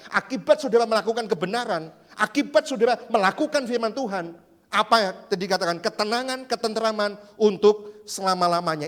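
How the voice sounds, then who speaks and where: A male pastor delivers a youth sermon with a high voice that carries through a large church hall. The long reverb trails after his words. He is animated and joking, and he mimics voices as he preaches. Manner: lively, joking, acts out quoted voices.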